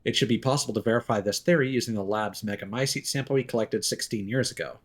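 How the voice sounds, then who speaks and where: A video game streamer with a lowish voice talks fast during casual live gameplay commentary. He muses aloud and reads in-game notes as he goes.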